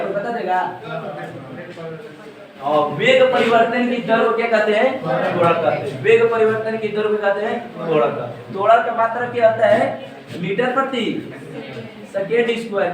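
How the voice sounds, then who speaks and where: A male physics teacher lecturing a class, asking questions and repeating the answers to drill them in. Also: high voice. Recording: echoey room, voice from far off.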